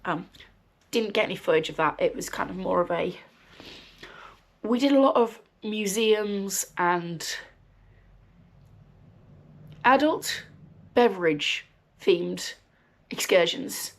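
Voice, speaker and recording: A gravelly-voiced podcast host from the West Midlands of England rambles casually while recovering from a cold, sounding slightly nasal and wheezy. Her voice is mid-range and expressive, and she talks slowly with frequent pauses. She's chatty, with lots of ums and dry, sweary asides.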